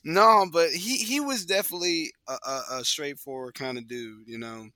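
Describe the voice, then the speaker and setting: A man's voice: fairly high pitch, moderate pace, pushed and bright, dry recording. A man speaking as a guest in an interview, reflective and hesitant, often trailing off into fillers.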